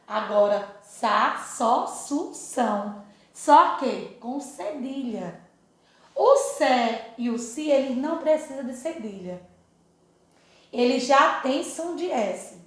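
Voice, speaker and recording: A woman with a Brazilian Portuguese accent teaching a first-grade phonics lesson, drilling syllables in a slow sing-song and checking in often with the children. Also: sits high, a bit bright. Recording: very echoey room.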